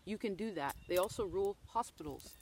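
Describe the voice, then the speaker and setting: A woman's voice: mid-range voice, animated, a little fast, darkish tone, a little hiss or hum. A woman giving a casual tarot reading outdoors in the woods, talking loosely and often checking in with "okay?". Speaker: tarot reader.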